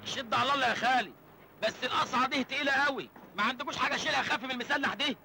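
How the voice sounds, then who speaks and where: A cheeky hungry village lad. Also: male voice, very high voice, vocal fry, pushed and bright, a little hiss or hum, full character voice. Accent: Egyptian. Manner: cheeky, joking, fast-talking. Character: naive hungry young village man, cheeky. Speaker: comic lead in an old film.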